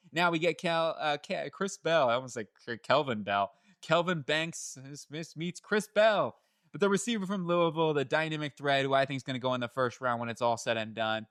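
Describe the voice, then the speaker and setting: A man hosting his own channel, talking through football draft picks in a chatty, animated way that jumps up in pitch when he gets excited and often corrects himself. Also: clean tone, no echo, clean studio sound. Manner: chatty, self-correcting, laughs at own slips. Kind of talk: solo sports analysis talk.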